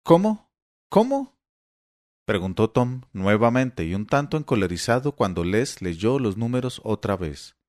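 A man reading a story aloud in a measured, even narration style. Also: fairly low pitch, dry recording, clean studio sound. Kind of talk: scripted audiobook narration.

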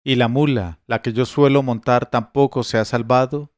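A man's voice: mid-range voice, fairly even intonation, normal speed, no echo, clean studio sound, lightly acted. A man voicing an anxious rich master who asks one urgent question after another.

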